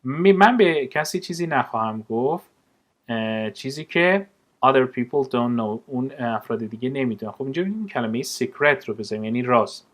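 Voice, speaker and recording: A man teaching an English vocabulary lesson in Persian, who reads the English example sentences slowly and then explains them. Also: medium pitch, lively intonation.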